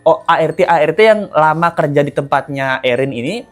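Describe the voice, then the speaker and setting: Host, casual commentary vlog; mid-pitched, filler-heavy chatter to viewers; faint music behind. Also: fairly quick.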